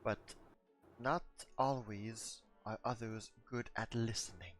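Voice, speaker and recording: A man's voice: on the low side, fairly even intonation, slow, a bit bright, faint music behind. A man talking casually as a player at a tabletop role-playing game.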